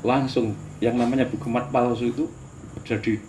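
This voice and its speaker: A man's voice: mid-range voice, level tone, moderate pace, a little mellow, slight background noise. An older man with a Javanese accent, teaching a sermon-style lecture as a pastor, telling stories animatedly with asides and chuckles. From Indonesia.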